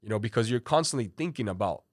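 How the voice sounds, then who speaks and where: A man's voice: on the low side, lively intonation, fast talker, no room sound. Cuban-born man in his thirties, dry-sounding. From Cuba. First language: Spanish. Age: 30s. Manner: rambling, lots of "you know" and "like". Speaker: podcast guest, trader. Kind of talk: casual interview talk.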